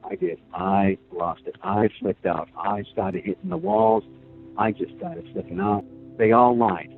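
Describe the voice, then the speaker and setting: A man's voice: lowish voice, lively intonation, unhurried, gravelly. An older man telling his story in a rambling, emphatic way, full of fillers, during a casual phone interview. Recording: tinny phone line, faint music.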